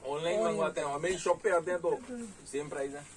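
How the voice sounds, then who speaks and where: A man's voice: on the high side, fairly even intonation, fast talker, distant mic, a little hiss or hum, poor audio. A man with a Delhi Hindi accent who runs a saree shop, chatting casually as he shows garments and reads out prices and sizes. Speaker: saree shop owner selling online. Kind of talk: casual sales talk showing garments.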